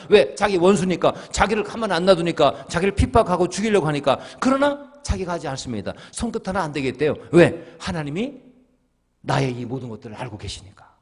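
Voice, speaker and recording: A middle-aged man, a senior pastor, preaching an early-morning devotional sermon, asking rhetorical questions and answering them himself, his voice swinging between loud and hushed. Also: high voice, lively intonation, brisk. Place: church sanctuary. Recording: long church reverb.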